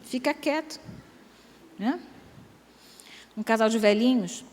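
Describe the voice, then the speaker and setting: A woman's voice: on the high side, slow, a little mellow, a little hiss or hum. Woman preaching with humor in a reverberant church. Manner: humorous, acts out quoted voices. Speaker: church speaker. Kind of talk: sermon with jokes. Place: large church hall.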